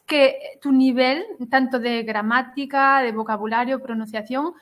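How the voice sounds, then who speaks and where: A woman's voice: sits high, fairly even intonation, unhurried. Attentive woman host asking questions. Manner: attentive, asks long questions, affirms often. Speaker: podcast host, Spanish teacher. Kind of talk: casual conversational interview.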